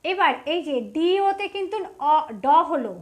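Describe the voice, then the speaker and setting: Brief: high-pitched woman tutor, patient, sounds out each letter. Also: moderate pace. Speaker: English spelling teacher.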